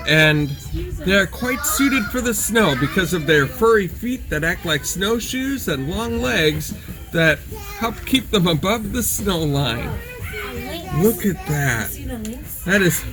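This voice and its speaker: A travel vlog host narrating animal sightings casually, in an awed, exclaiming manner. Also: mid-range voice. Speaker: host of a travel video channel. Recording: music behind the voice. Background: music.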